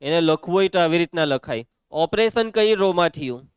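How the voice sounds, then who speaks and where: A man teaching a maths lesson, walking students briskly through each step. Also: on the high side, expressive, clean tone, dry recording.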